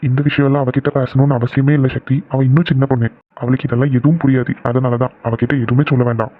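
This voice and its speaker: A man's voice: mid-range voice, flat delivery, fast talker, close to an everyday voice. A man voicing a protective cartoon big brother. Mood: reassuring. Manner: soothing, reassuring. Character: caring elder brother, young man, calm and protective. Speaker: elder brother. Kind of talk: cartoon voice acting. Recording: tinny phone-like sound.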